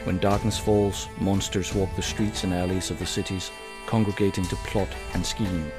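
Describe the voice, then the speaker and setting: Ominous gothic fantasy narrator played by a man, pitched down, portentous scripted delivery. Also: flat delivery, normal speed, over music, lightly acted. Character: ominous dark-fantasy narrator of a vampire world. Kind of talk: dramatic scripted intro narration.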